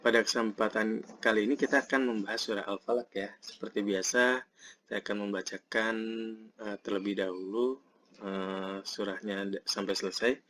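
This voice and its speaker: A man with an Indonesian accent teaching a Quran recitation lesson, explaining each verse patiently and reciting it slowly. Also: fairly low pitch, steady tone, fairly bright tone.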